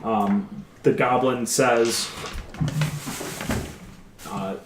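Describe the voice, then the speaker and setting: A man running a tabletop game as dungeon master, narrating in a slow, halting way. His voice sits at a middle pitch. The room echo and faint background hiss are audible. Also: fairly even intonation. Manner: measured, halting narration with fillers. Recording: roomy echoey room, faint noise.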